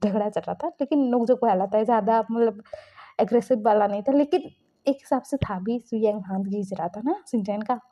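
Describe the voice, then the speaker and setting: A woman's voice: medium pitch, brisk, mellow. Chatty woman narrating fan fiction. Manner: chatty, loose, many fillers. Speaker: storyteller.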